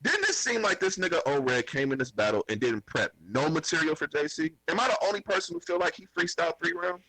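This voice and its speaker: A man giving a casual podcast recap, animated and profane, ranting insistently. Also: fairly high pitch, fast, no echo, poor audio. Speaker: podcast guest.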